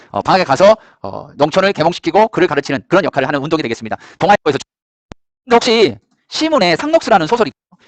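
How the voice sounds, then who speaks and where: A man teaching a history class to students, energetic and jokey, firing questions at the room. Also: on the high side, no echo. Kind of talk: classroom lecture.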